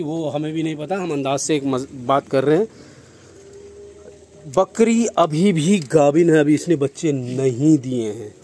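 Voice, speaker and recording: A man's voice: a little high, darkish tone. Chatty Kolkata man touring his goat farm. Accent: Kolkata Hindi. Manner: chatty, addresses viewers as brother, frequent tag questions. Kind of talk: casual farm tour vlog. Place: outdoor farmyard with goats.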